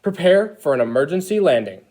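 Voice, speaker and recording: A man's voice: on the high side, big pitch swings, fairly quick, darkish tone. A kindly old Santa from a children's storybook, acted out by a man, jolly and emphatic. The voice is raised and moves up and down with lots of expression. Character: jolly old male Santa Claus, kindly sleigh leader. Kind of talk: storybook character voice.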